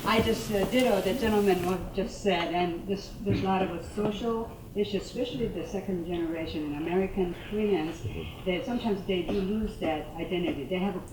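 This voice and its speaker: A woman's voice: medium pitch, a little fast, noisy background. A woman in the audience giving an earnest, slightly hesitant comment. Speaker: audience member. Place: theater audience. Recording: echoey hall from far off.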